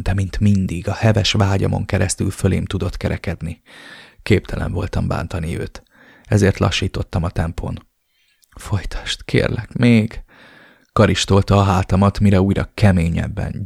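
A man narrating a romance novel in the first person with a low, brooding, even delivery. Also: creaky, husky, no room sound, studio quality. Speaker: audiobook narrator.

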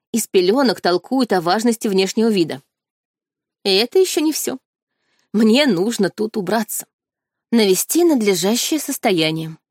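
A woman's voice: mid-range voice, darkish tone, no room sound, studio quality. A woman reading a first-person audiobook with a wry, haughty tone. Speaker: audiobook narrator.

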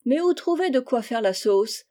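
A haughty young princess from a storybook, pitched high and loud, who tosses off scornful retorts to her suitors, as a woman reader puts her on. Her mellow, dark timbre keeps an edge of mockery under the shrillness. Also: lively intonation, moderate pace, natural voice. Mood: teasing.

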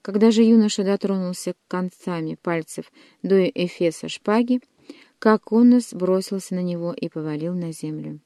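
A woman narrating an audiobook in a measured, dramatic reading style. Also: on the low side, mellow, dry recording, studio quality.

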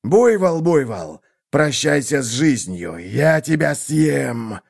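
A man's voice: medium pitch, lively intonation, moderate pace, pitched above the performer's own voice, close to an everyday voice. A man voicing a hungry, boastful male wolf who growls out threats, read as a storybook tale. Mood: blustering. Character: hungry, blustering male wolf, easily tricked.

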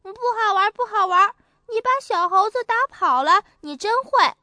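Brief: a woman doing a bunch of scolding kids, high and bright, chanting together in a storybook. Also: expressive, a little fast, no echo, heavily acted. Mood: reproachful. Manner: chanting, reproachful. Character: group of scolding young children.

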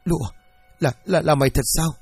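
A man's voice: medium pitch, a little fast, a little mellow, dry recording, faint music behind, close to an everyday voice. A man doing a stammering, terrified rich wife. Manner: stammering, panicky.

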